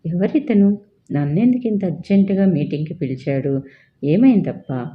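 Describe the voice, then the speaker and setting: A man's voice: high voice, expressive, normal speed. A woman voicing a startled young businessman in an audio story, stammering when shocked, on a dull lo-fi recording. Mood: puzzled.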